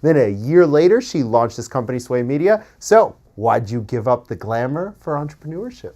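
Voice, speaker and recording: A woman's voice: a bass voice, animated, normal speed, dark tone. Chatty talk show co-host woman. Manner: chatty, enthusiastic.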